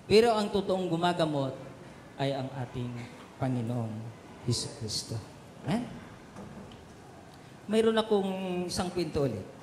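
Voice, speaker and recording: A male pastor preaching a sermon and telling stories with fillers, swinging from soft asides to loud emphatic peaks. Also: fairly high pitch, sing-song, measured pace, long pauses. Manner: storytelling with fillers and Taglish asides. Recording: echoey hall with faint noise.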